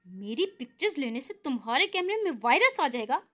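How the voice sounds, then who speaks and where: A fiery young woman with a high, swooping voice that jumps up sharply when she scolds. A woman narrator puts her on as she reads a novel aloud. Her lines are quick, indignant and shrill. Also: big pitch swings, fairly bright tone. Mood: annoyed.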